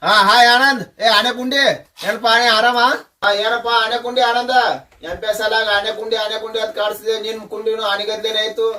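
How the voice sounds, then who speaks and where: A man's voice: sits high, little pitch movement, fairly quick, pushed and bright, recorded from a distance. A man with a North Karnataka Kannada accent playing a teasing, rowdy friend in a comic sketch.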